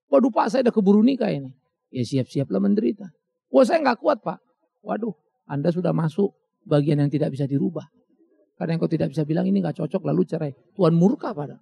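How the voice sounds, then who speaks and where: Gravelly, high-pitched, animated preacher man. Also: dry recording. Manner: emphatic preaching with repeated rhetorical phrases; addresses the congregation directly as "saudara". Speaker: pastor. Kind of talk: sermon.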